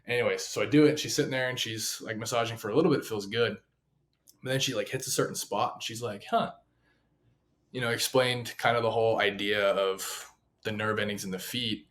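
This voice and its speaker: A man's voice: lowish voice, fairly quick, slight background noise. A young man co-hosting a casual chat, telling funny stories and acting out the quotes. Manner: animated storyteller, acts out quotes. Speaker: podcast co-host.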